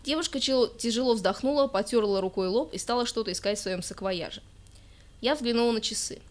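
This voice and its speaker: A woman narrating a first-person audiobook story in a calm, even, wry manner. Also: fairly high pitch, fairly quick.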